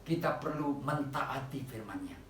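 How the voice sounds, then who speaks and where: A man preaching a sermon to a congregation at an online church service, often calling out to them and rising loud on quoted cries for help. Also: mid-range voice, expressive, measured pace, reverberant, far from the mic, slight background noise.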